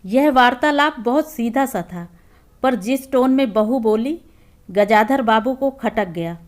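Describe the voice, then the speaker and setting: A woman narrating a literary short story aloud in a calm, even storytelling manner. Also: fairly high pitch, unhurried.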